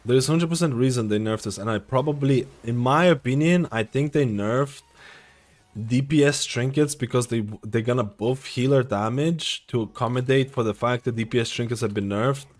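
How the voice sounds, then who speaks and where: A game streamer delivers casual, opinionated live commentary, swearing offhandedly. His voice is medium in pitch and his pace is moderate.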